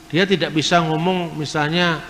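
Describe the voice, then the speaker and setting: A man's voice: fairly high pitch, steady tone, moderate pace, fairly bright tone, in a large hall, a little hiss or hum. A man giving a religious lecture, explaining points step by step and asking rhetorical questions.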